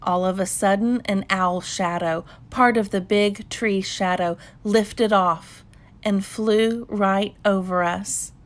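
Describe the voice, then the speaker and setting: A woman reading a children's story aloud in a calm, measured bedtime style with pauses. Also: mid-range voice.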